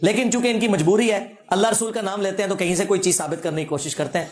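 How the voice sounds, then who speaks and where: Religious scholar, male, high voice, sarcastic debunking tone, roomy echo. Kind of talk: reaction lecture.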